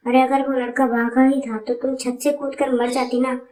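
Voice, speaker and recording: A woman voicing a bitter, sharp-tongued young businesswoman in a spoken story, with cutting, scornful lines. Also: sits high, little pitch movement, normal speed, natural voice. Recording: roomy, from a distance.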